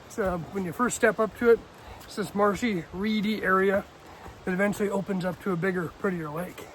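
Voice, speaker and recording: Young male hiking vlogger, higher pitch, easygoing and self-mocking, phone mic outdoors with faint background noise. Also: fairly even intonation, fairly quick, a bit bright. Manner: chatty, self-deprecating, laughs often. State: out of breath. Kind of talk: casual outdoor vlog narration. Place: snowy mountain trail outdoors. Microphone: handheld phone.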